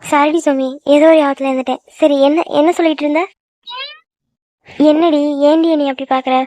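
A woman's voice: high-pitched, fairly even intonation, brisk, warm tone, dry recording, clean studio sound. A woman voicing young women in a Tamil-language cartoon, in worried, confiding chatter.

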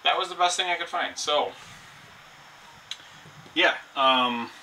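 A man's voice: a little high, slow pace, sharp tone, slight background noise, low-quality recording. A man casually narrating his own repair work in a laid-back, rambling way, with fillers as he goes. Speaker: DIY mechanic vlogger. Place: garage and backyard, indoors and outdoors.

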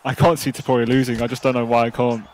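A man's voice: medium pitch, level tone, quick pace, a little mellow. Teasing young man gaming. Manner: teasing, trash-talking, laughing. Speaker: channel host. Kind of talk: casual gaming banter.

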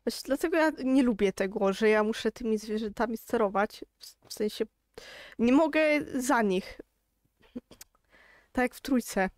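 A woman's voice: on the high side, normal speed, a little mellow, no room sound, clean studio sound. A young woman with a Polish accent giving casual gameplay commentary, chatty and exasperated, talking straight to her viewers. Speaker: gaming YouTuber.

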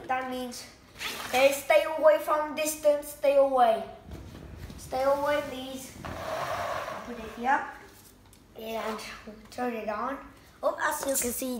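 A woman vlogger unboxing a toy, excitedly exclaiming and talking to viewers in slightly broken English. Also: on the high side. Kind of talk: casual unboxing vlog. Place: indoors at home. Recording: echoey room, faint noise.

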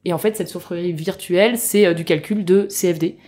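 A woman's voice: on the low side, fairly even intonation, a little fast, mellow. A young woman, a guest engineer, explaining her work in a casual podcast interview at a festival, with many fillers and restarts. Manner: hesitant, many fillers and restarts, laughs easily. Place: festival venue.

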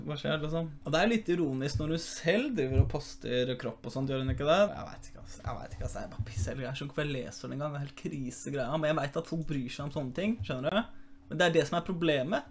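A young Norwegian man with Oslo street slang and a fairly high voice rants casually at his viewers. He swears freely and keeps calling out to "the guys". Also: creaky, darkish tone. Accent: Norwegian (Oslo youth slang). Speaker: YouTuber reacting to news. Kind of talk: casual rant.

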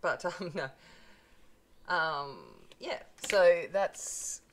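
A middle-aged North Queensland woman with a broad Australian accent hosts a papercraft channel, chatting casually and self-deprecatingly while crafting at her indoor home desk. Her voice is on the low side and extremely slow, picked up by a tabletop mic while an overhead camera films her hands.

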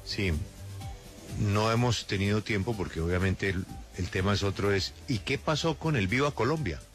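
A man's voice: lowish voice, normal speed, soft background music. A man hosting a live radio news discussion, putting questions to colleagues.

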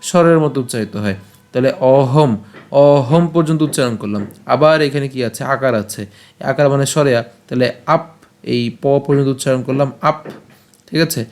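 A man with a Bengali accent leads a recitation lesson at a patient, deliberate pace. He splits each word into its sounds and poses little questions before answering them himself. His voice sits at an ordinary middle pitch. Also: a little mellow. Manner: slow, syllable-by-syllable drilling, asking and answering his own questions. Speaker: teacher of scripture recitation. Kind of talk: pronunciation lesson with chanted verse.

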